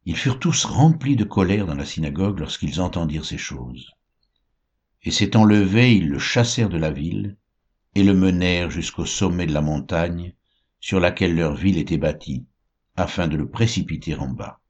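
A man with a low, husky voice reads scripture in a slow, measured style. The recording sounds dull and lo-fi. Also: expressive, darkish tone. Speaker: Bible reader. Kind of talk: scripture reading.

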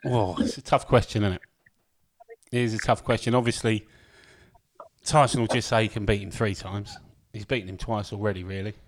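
Brief: male co-host, lower voice, short easygoing answers. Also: steady tone, a little fast. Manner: brief agreeable replies. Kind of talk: casual podcast chat.

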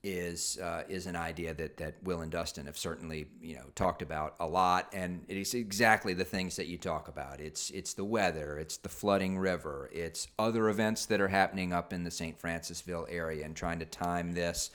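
A man's voice: low voice, fairly even intonation, normal speed, hardly any pauses, fairly bright tone. A man co-hosting a cycling podcast, talking casually with lots of fillers and restarts. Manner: rambling, many fillers and restarts. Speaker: podcast co-host. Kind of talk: casual chat.

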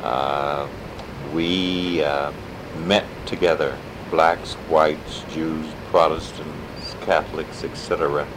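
Halting older man reminiscing, very deep voice. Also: level tone. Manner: halting, deliberate reminiscing with long pauses. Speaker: interviewee, civil rights activist. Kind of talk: oral history interview, reminiscing. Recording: noisy tape with low rumbling hum.

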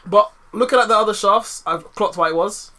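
A man with a London roadman accent co-hosts a casual film podcast. His voice is fairly high and very bright, with a punchy edge. He talks in loose street slang, as among friends. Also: brisk. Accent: London, urban street. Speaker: podcast co-host.

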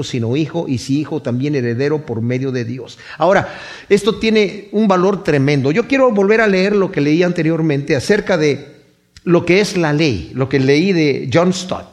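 Predicador de voz algo aguda. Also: male voice, high-pitched. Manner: expressive, storytelling preacher. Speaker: preacher. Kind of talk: sermon.

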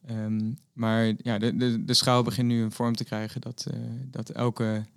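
A man, the founder and CEO of a company, answering interview questions earnestly with frequent pauses. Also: medium pitch, monotone, clear, resonant tone, no echo, studio quality. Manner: earnest, lots of filler pauses.

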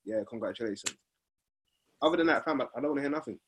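Fast-talking London roadman-style young man. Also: mid-range voice, lively intonation, a bit bright, husky. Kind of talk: casual group chat.

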